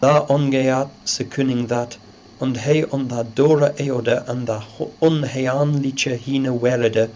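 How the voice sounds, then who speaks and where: A man's voice: mid-range voice, steady tone, slow. Muffled, noisy Old English recitation by a man. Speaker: reader and narrator. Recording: muffled lo-fi recording with loud background noise.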